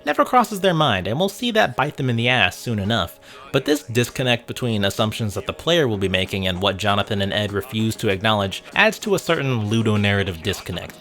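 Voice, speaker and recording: A man with a fairly low pitch and a fairly bright tone narrates a scripted video essay with background music underneath. His delivery is wry and conversational, with casual asides and occasional casual swearing.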